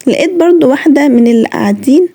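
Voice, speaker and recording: A woman's voice: high voice, expressive, racing, dark tone. A young woman with an Egyptian accent, talking earnestly to her viewers and scolding them directly. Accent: Egyptian Arabic. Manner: earnest, reproachful, lecturing listeners directly. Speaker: vlogger. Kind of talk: heartfelt talk to camera.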